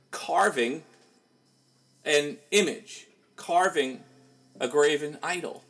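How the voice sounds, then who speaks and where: A man's voice: a little high, fairly bright tone, low-quality recording. A man preaching a sermon in a conversational way, asking rhetorical questions as he goes.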